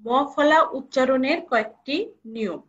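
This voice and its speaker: A woman's voice: high voice, expressive, moderate pace, dull audio. A woman college lecturer giving a recorded lesson, repeating each rule and asking students questions.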